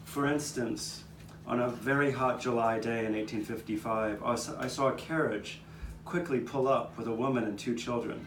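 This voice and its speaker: In a noisy, roomy, distantly recorded outdoor courtyard, a man narrates a live puppet show, speaking as a neighborhood eyewitness recounting history. His mid-range voice is steady and fairly bright, delivered at normal speed.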